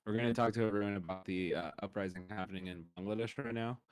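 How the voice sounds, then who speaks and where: A man's voice: fairly low pitch, fairly even intonation, fast talker, smooth, no echo. A man co-hosting a livestream as a fellow streamer, talking in a loose, joking, chatty way. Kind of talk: casual livestream chat.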